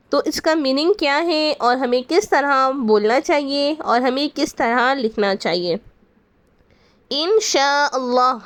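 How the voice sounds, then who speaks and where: A woman's voice: sits high, no room sound. A woman teaching on an online Quran channel, explaining in a friendly way and mixing English words into her Urdu. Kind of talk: religious explainer video.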